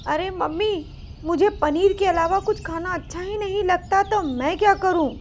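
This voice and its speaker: A woman's voice: very high-pitched, moderate pace, a little hiss or hum, voice pushed up. A woman voicing a stubborn, greedy young boy rat in a storybook cartoon, with a whiny, pleading manner. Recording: slightly muffled recording.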